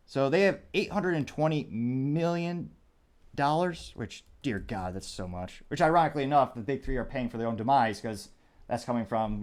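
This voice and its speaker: A man's voice: mid-range voice, darkish tone. A man hosting a political commentary show, talking casually with wry, sarcastic asides and thinking aloud. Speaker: show host.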